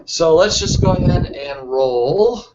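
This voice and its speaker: A man acting as game master in a tabletop role-playing game, thinking aloud as he goes, with frequent pauses and restarts. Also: a little high, animated, background noise. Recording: dull lo-fi sound.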